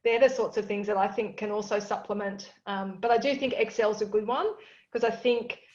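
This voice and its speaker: A woman's voice: mid-range voice, steady tone, brisk, a little mellow. Reassuring woman panelist, roomy dull sound. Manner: reassuring, stop-start phrasing. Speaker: industry panelist. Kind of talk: panel discussion.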